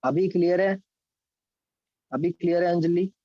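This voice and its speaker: A man's voice: high voice, fairly even intonation, unhurried, no echo, muffled recording. A man with an Indian accent teaching calculus step by step in an online class. He mixes English terms into his Hindi explanations and checks in with students by name. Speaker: physics and maths teacher.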